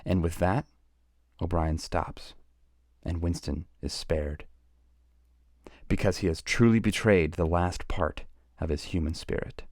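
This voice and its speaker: A man with a very low voice recounts a novel's plot in a grave, storytelling manner. He stresses key words for dramatic effect. The recording is dry and close to the mic. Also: unhurried, long pauses, darkish tone, dry recording. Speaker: book channel host.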